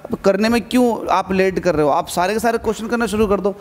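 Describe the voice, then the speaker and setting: A man's voice: sits high, quick pace, long reverb tail. A male physics teacher giving an exam-prep lesson to students, urging them on and repeating key points as he asks and answers his own questions.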